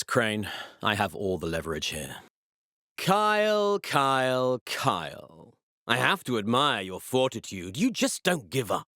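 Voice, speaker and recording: An arrogant, gloating mad scientist from a video game. His delivery swings widely in pitch, pompous and theatrical, with cold, precise menace. The voice sits close and dry. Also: a bit bright, no room sound. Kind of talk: video game villain dialogue.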